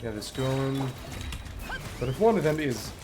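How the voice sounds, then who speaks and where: A man commentates his live gameplay as a video game streamer, thinking aloud in a wry, understated, musing way against game music. His mid-range voice is animated and he keeps a measured pace.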